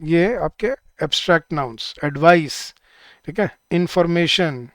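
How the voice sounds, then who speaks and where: A man teaching a live online class for bank exam students, speaking Hindi, repeating each word slowly and drilling the rules, with words said. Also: on the high side, dry recording.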